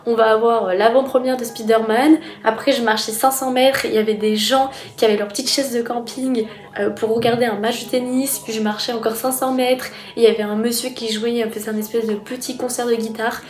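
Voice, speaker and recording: A woman's voice: on the high side, fairly even intonation, brisk, reverberant. A young woman from France, a student vlogger, chatting with enthusiasm in a casual vlog. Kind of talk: casual vlog talk to camera.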